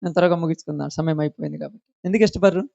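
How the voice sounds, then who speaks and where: A man's voice: on the high side, steady tone, rapid-fire, vocal fry, a little mellow, no room sound, dull audio. A man preaching a sermon, scolding the congregation with impassioned rhetorical questions. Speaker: pastor.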